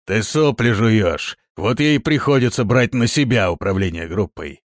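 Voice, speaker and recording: A man voicing a carefree, mocking demon who taunts and bosses his companion gruffly. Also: fairly low pitch, lively intonation, measured pace, no echo, clean studio sound. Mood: taunting.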